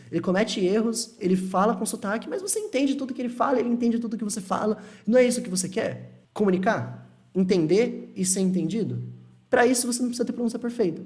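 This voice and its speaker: Brazilian man teaching live, reassuring. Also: high-pitched. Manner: reassuring, repetitive, animated. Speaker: English teacher. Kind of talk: live-stream lesson reading chat questions.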